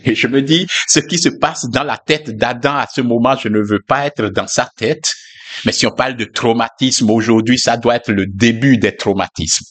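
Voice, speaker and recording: A man's voice: medium pitch, normal speed, fairly bright tone. A man giving an informal, conversational sermon, musing aloud with frequent fillers and asides. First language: not English. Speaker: preacher.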